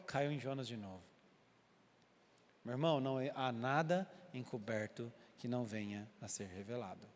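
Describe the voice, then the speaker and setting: A man's voice: medium pitch, normal speed. A man preaching a sermon in a church, telling a story animatedly and acting out its scenes while calling his listeners brother. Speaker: pastor. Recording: long church-hall reverb.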